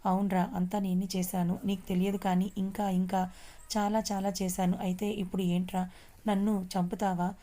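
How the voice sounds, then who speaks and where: A woman's voice: mid-range voice, flat delivery, moderate pace, warm tone, lightly acted. A woman reading the part of a scheming young man who turns on his brother, in a story. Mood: defiant. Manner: defiant, then pleading.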